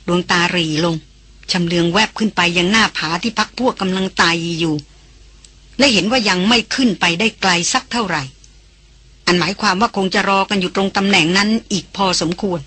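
A woman narrating a novel as an audiobook in a steady, expressive storytelling voice. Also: mid-range voice, moderate pace, breathy edge, no room sound.

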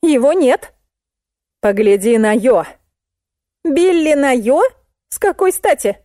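Here is a chubby, excitable client in an audiobook, voiced by a woman narrator. She squeals and shrieks as soon as something frightens her, and her high, bouncy voice swoops widely. The tone stays mellow, recorded close and dry. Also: measured pace, dry recording. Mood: chatty. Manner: squealing and shrieking when alarmed. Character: plump excitable female fitness client. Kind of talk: audiobook character voice.

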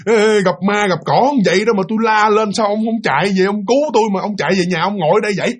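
A man doing a shrill flustered fruit-seller woman. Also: very animated, quick pace, slightly rough, heavily acted. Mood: scolding. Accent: Southern Vietnamese. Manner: shrill, scolding, panicky exclamations.

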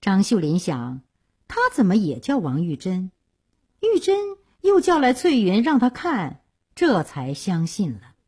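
A woman telling a classic tale on the radio in a measured, expressive reading. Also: medium pitch, slightly rough. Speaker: storyteller. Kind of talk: radio storytelling.

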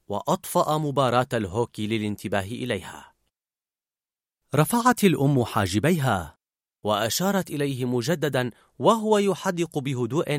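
Animated male storyteller. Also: mid-range voice, dry recording, studio quality. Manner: expressive, animated reading. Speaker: narrator. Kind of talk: storytelling narration.

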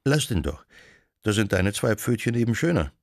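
A man's voice: fairly low pitch, very animated, normal speed, dry recording, studio quality. A man voicing a terse, wry old soldier. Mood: gentle. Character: weathered, one-handed male Spanish soldier.

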